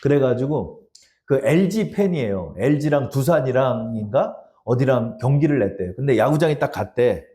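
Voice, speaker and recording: A man's voice: medium pitch, lively intonation, moderate pace, dark tone. A male pastor preaching a sermon in a church, telling stories with chuckles and leading the congregation in repeating lines. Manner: storytelling with chuckles and acted quotes, leads congregation in repeating lines. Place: church sanctuary.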